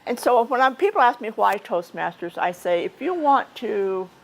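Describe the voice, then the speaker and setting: A woman's voice: fairly high pitch, sing-song, moderate pace, gravelly, low-quality recording. A woman giving an informal, chatty speech at a club meeting, talking conversationally with frequent restarts and asides. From United States.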